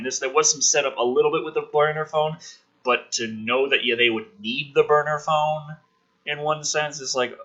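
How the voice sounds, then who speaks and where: A man with a slightly high, sharp voice, heard through dull audio, reads a screenplay aloud while ranting sarcastically, profane and exasperated. He hosts a movie script review.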